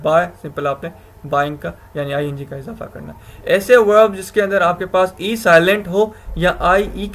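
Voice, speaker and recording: A man's voice: a little high, a bit bright. A man giving a recorded grammar lecture, explaining step by step, often asking himself questions and correcting himself. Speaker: English grammar teacher.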